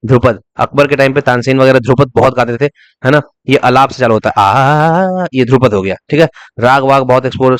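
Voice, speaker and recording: Man, exam revision teacher, rapid delivery, dry close recording, repeats terms for memory. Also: medium pitch, smooth, no echo. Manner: repeats key terms as memory tricks, asks and answers his own questions; breaks into short sung snatches to illustrate. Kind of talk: fast revision lecture.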